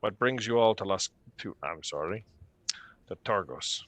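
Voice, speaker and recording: A man's voice: lowish voice, expressive, measured pace, fairly bright tone. A man voicing a polite, wary human innkeeper in a tabletop game, with courteous, slightly nervous speech.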